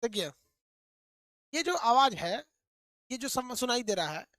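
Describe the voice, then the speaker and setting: Fast-talking physics teacher. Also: male voice, extremely high pitch, very animated, a bit bright, dry recording, studio quality. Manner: rapid, repetitive, quizzing the students. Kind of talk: animated classroom lecture.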